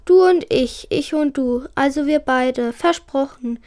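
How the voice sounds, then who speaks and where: Reader doing a loud shrill schoolgirl from a kids book, all upset, voice way up high. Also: a little slow. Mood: pleading.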